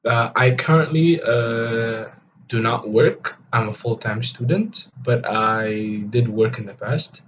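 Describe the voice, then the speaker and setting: A man's voice: medium pitch, slow, fairly bright tone. A man in his twenties, a student guest, hesitant with many fillers. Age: 20s. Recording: distant dull mic with background noise.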